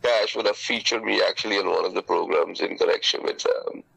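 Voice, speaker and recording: A man's voice: deep voice, steady tone, creaky, fairly bright tone, breathy edge, rough recording. A male caller with a cough and flu, sounding stuffy and hesitant, asking a question on a live call-in show while his line keeps breaking up and dropping out. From New York. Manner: halting, hesitant, trailing off.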